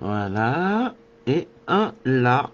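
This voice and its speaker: A man's voice: mid-range voice, very animated, dull audio. A man giving a live card-making tutorial, thinking aloud as he works and answering viewers. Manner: slow, thinking aloud while working.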